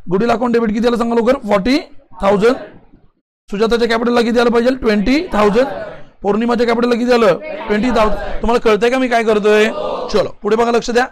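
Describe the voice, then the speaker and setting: Man, very high voice, teacher quizzing the class, class chorus behind. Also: fairly even intonation, crowd noise. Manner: drilling students with rapid call-and-response questions; urges the class to answer loudly. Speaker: commerce teacher. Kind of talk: classroom accounting lesson. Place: classroom with students answering in chorus.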